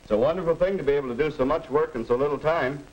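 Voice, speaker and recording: A man's voice: a little high, very fast, highs cut off, lightly acted. An actor playing a genial, easygoing father in the folksy style of a 1950s educational film. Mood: genial, contented. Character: cheerful, easygoing middle-class father.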